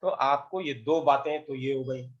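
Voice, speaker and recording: A man teaching an acupuncture class, quizzing his students with quick questions and mixing Hindi with English. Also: mid-range voice, highs cut off. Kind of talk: online class lecture.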